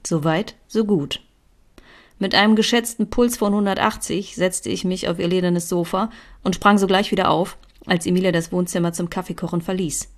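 A woman's voice: lowish voice, steady tone, moderate pace. A woman author reading her own first-person story aloud.

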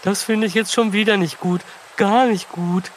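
Kids' audio story: man voicing an upbeat lightning horse, high, bouncy and exclamatory, faint hiss behind. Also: steady tone, normal speed, natural voice. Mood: excited. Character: eager cheerful young male lightning-fast horse. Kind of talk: children's audio story acting.

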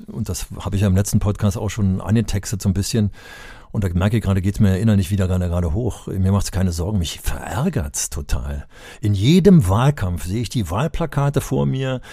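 An older man from Berlin, Germany, co-hosts a conversational podcast as an education advocate, speaking emphatically and rhetorically and growing heated at times when angered. His voice is on the low side and mellow, in clean studio sound with no room sound.

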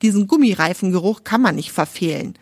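A woman's voice: fairly low pitch, expressive, fairly quick, darkish tone, breathy edge, no room sound, studio quality. A woman doing a boastful male magic pony. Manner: cocky, self-assured.

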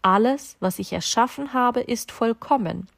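Woman voicing a calm, patient God. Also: on the high side, measured pace, creaky, dry recording, clean studio sound, voice pushed up. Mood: reassuring. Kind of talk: storybook reading.

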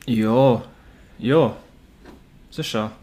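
Gelassener Mann mit luxemburgischem Akzent. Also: male voice, medium pitch, very slow, mellow. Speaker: podcast co-host. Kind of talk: casual sports chat.

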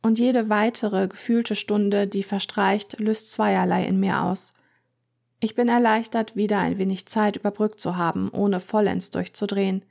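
A woman narrating a first-person story in a measured, tense way. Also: medium pitch, fairly even intonation, gravelly, a little mellow. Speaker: audiobook narrator.

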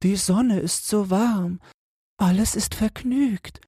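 A man's voice: sits high, slow, warm tone, breathy edge, dry recording, clean studio sound, voice pushed up, full character voice. A man voicing a dreamy, cheerful cabbage caterpillar in a storybook reading.

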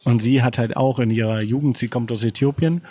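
A man in his thirties, a photographer guest, telling relaxed rambling stories in a casual interview. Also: mid-range voice, brisk, breathy edge. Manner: relaxed, rambling, laid-back anecdotes.

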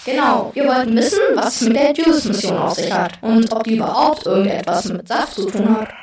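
A woman's voice: on the high side, animated, fairly quick, darkish tone, lightly acted. A woman playing a cute, curious and cheeky little alien in a scripted children's radio show. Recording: very echoey, distant sound with music.

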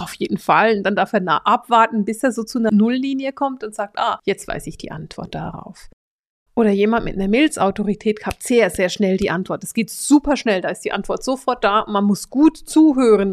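A woman with a Swiss German accent, hosting a solo podcast and explaining her subject in a lively way, now and then acting out short quoted voices. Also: medium pitch. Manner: lively, acts out little quoted voices, drops to a whisper for emphasis. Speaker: podcast host and Human Design coach.

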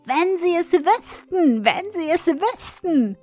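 A woman voicing a small, gleeful male fire goblin with a rasping, squawking voice in a spoken fairy tale. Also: very high-pitched, big pitch swings, takes it slowly, darkish tone, soft background music, pitched above the performer's own voice, full character voice. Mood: shrieking, scornful.

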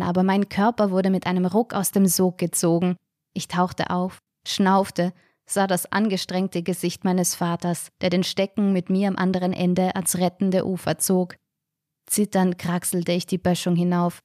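Calm, flat-voiced woman narrating. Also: lowish voice, dry recording, clean studio sound. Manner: calm, measured. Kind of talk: audiobook short story reading.

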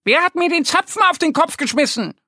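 A man voicing a young female duck who is lively and quick-tempered and calls out brightly in a children's storybook tale. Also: high voice, slight background noise, voice pushed up. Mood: scolding. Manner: bright, excited calling.

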